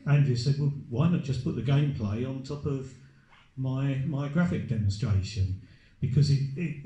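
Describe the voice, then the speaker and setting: Stammering man recalling game work. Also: mid-range voice. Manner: stammering restarts, animated storytelling. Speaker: game developer guest. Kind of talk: panel interview recollection. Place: live event hall. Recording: echoey event hall, live stream.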